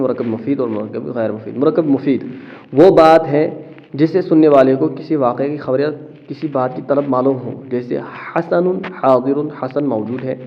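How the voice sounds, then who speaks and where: Man, teacher, explanatory lesson, rhetorical questions, hesitant fillers, mid pitch, slightly dull lo-fi sound. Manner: asks rhetorical questions then answers them; checks in with listeners, hesitant fillers. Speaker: Arabic grammar teacher.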